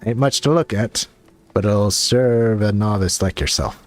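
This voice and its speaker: A man voicing a gruff old male pirate guildmaster cook in a game, with a rough pirate drawl. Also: on the low side, a little slow, lightly acted. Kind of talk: reading game dialogue aloud.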